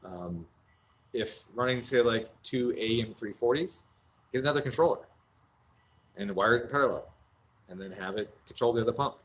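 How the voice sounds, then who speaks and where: A man's voice: medium pitch, normal speed, pauses often, fairly bright tone, a little hiss or hum. A man hosting a casual stream from a tuning shop, swearing freely and answering viewer questions. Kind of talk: casual livestream chat.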